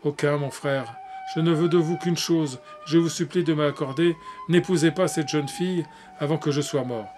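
A man's voice: fairly high pitch, moderate pace, over music, natural voice. Henri, a heartsick young man, read by a man. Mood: pleading.

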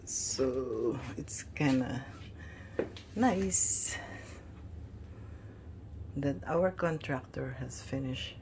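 Narrating a relaxed tour of her finished indoor basement, a woman speaks low and slow with vocal fry over a noisy background. This home vlogger hesitates a lot, full of restarts and fillers.

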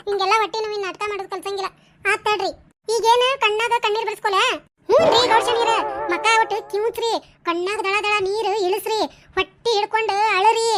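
A woman voicing bickering village women in a cartoon, talking in quick bantering dialect with a North Karnataka Kannada accent. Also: very high voice, steady tone, a bit bright. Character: bickering village women, a landlady and her helpers. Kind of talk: cartoon voice acting.

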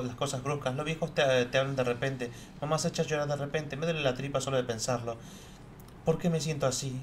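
A man's voice: medium pitch, a little hiss or hum, voice pushed up, close to an everyday voice. A man reading out a sad, timid young girl's diary from a game in a subdued, plaintive tone. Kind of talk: reading game text aloud.

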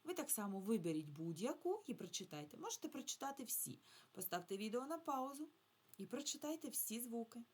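A woman's voice: fairly high pitch, very animated, a little fast, darkish tone, breathy edge. A woman teaching a remote reading lesson to young children, patiently stretching out sounds and syllables. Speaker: primary school teacher.

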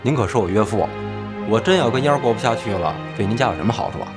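An actor playing a boastful, flirtatious engineer who pleads and justifies himself in a TV drama. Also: male voice, fairly low pitch, expressive, very fast, over music, lightly acted. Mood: indignant. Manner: smooth-talking, pleading, indignant. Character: boastful philandering male engineer, self-justifying. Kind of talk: TV period drama acting.

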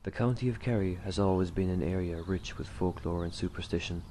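A man's voice: sits low, fairly quick, slight background noise. A man reading scripted documentary narration. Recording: loud music under the voice. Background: plucked guitar music.

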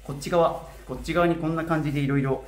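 A man's voice: a little high, fairly even intonation, fast talker. A man in his twenties from Japan chatting casually to camera, his articulation slightly slurred as if wearing a mouthguard. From Kitakyushu, Japan. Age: 20s. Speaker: vlogger. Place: small bare apartment room, indoors. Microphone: camera a short distance away. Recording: roomy echo with faint noise.

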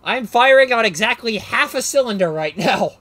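A man's voice: very high-pitched, expressive, normal speed, bright, forceful tone, slight background noise. A man casually narrating his moves in a card game match, rambling and self-mocking, often losing his train of thought. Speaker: card game player and commentator.

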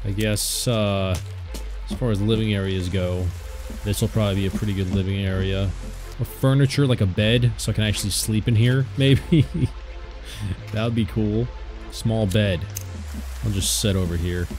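A man hosting a gaming video, talking casually to himself and his viewers as he plays. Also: normal speed. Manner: chatty, talks to himself and the viewers while playing; gets loud and high when excited. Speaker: gaming channel host. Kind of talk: casual gameplay commentary. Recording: game music and rain sounds behind the voice.

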